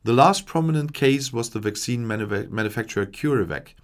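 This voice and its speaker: A man in his forties reading political news from a script at a desk microphone in a small home studio, measured and steady with small slips. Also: medium pitch. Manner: measured, reads long official passages with small slips. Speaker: news commentator. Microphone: desk microphone in front.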